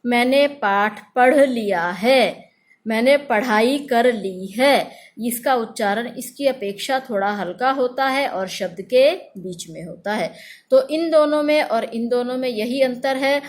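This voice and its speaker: A middle-aged woman teaches a grammar lesson in a fairly high voice. She drills the letters one by one, loud and slow, so her pupils can repeat after her.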